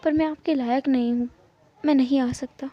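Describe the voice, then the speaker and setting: A woman voicing a frightened, clingy young man who is scared of the dark, pleading and stammering as he repeats his words. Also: sits high, steady tone, normal speed, no room sound. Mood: tearful. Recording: muffled lo-fi recording.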